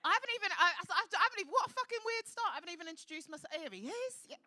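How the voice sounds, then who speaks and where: A man with a high-pitched voice hosting a live stand-up night, teasing the crowd with cheeky, camp, sweary banter on a comedy club stage. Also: lively intonation, very fast, bright, forceful tone. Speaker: comedy host.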